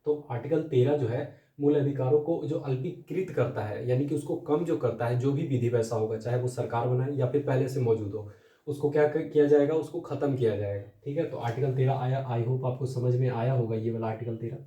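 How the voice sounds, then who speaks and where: A man's voice: mid-range voice, fairly quick, mellow. A young man teaching an exam-prep lesson, explaining step by step with frequent tag questions and fillers. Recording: echoey room, voice distant from mic.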